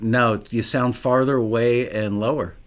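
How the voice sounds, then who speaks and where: A man's voice: medium pitch, steady tone, a little slow. Chatty American man hosting casually. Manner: chatty, rambling with asides. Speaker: host of a live online show.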